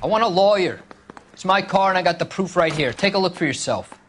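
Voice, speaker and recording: A man's voice: high voice, lively intonation, brisk, fairly bright tone, a little hiss or hum. A man playing a cornered suspect in a video game interrogation, defiant and defensive, with an American accent. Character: cornered male car-thief suspect, defiant, sullen, cracking under pressure.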